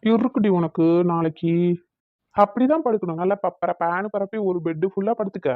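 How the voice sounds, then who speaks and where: A woman's voice: mid-range voice, fairly quick, dry recording, natural voice. A woman voicing an easygoing young husband and big brother in a Tamil cartoon, with a colloquial Tamil Nadu accent, grumbling and coaxing. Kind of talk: cartoon voice acting. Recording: thin phone-like dry sound.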